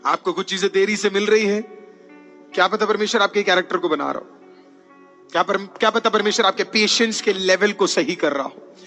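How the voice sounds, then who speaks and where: A man's voice: high-pitched, a bit bright. A male pastor preaching a sermon, punctuating his points with frequent hallelujahs and slipping English words into his talk. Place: church.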